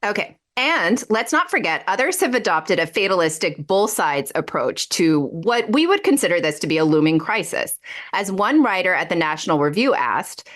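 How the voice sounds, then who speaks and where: A woman co-hosting a political podcast, reading quotes in a measured way and then commenting wryly. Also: lowish voice, sing-song, a bit bright. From daughter of immigrants. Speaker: podcast co-host.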